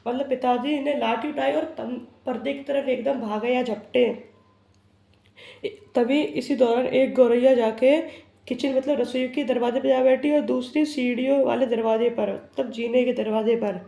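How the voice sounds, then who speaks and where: Woman, teacher, reading and explaining a textbook lesson, restates each line, gravelly voice. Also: on the high side, steady tone, normal speed, dark tone, roomy sound. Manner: reads a line aloud then restates it in simple words.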